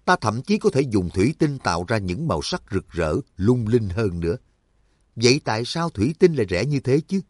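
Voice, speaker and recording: A man's voice: mid-range voice, sing-song, normal speed, a little mellow, no room sound, studio quality. A man voicing a smug, menacing villain who lectures others with self-satisfied contempt in an audiobook. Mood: smug lecturing. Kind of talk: audiobook character reading.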